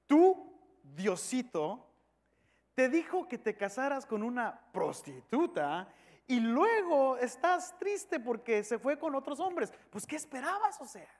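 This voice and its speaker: A man's voice: high voice, big pitch swings, racing, hardly any pauses, long reverb tail. A man voicing a mocking onlooker who jeers at a prophet and slips into English slang. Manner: scoffing, mixes in English slang.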